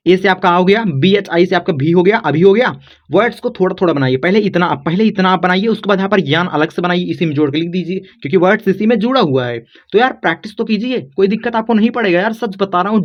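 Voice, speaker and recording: A man teaching a casual lesson, coaxing his students and checking in with them again and again. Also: high-pitched. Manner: coaxing, repeats "theek?" often. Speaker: English teacher. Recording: dull lo-fi sound.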